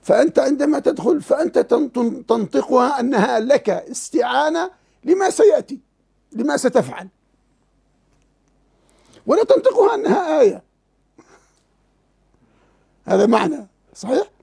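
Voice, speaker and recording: A man's voice: extremely high pitch, sing-song, moderate pace, gravelly, long pauses, darkish tone, husky. A man teaching Islamic legal theory to students. He talks with feeling, often laughs, repeats words as he thinks, and puts questions to his class. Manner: asks students rhetorical questions. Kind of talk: classroom lecture explaining a text to students.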